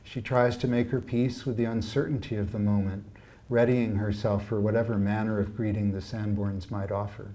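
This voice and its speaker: Man with a mellow, low reading voice. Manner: measured, expressive storytelling. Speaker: author reading his novel. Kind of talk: literary reading at a live event.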